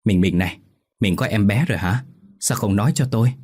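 A man's voice: low voice, normal speed, darkish tone, slightly rough. A man voicing a poor, anxious village father who talks eagerly and pleads. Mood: excited.

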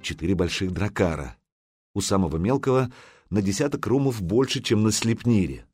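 A man reading an audiobook in a measured, even narration. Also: on the low side, faint music behind.

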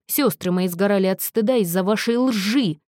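A woman voicing a gentle, earnest young man who speaks in a soft, measured, reproachful way. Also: mid-range voice, no room sound, studio quality, lightly acted. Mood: firm, reproachful.

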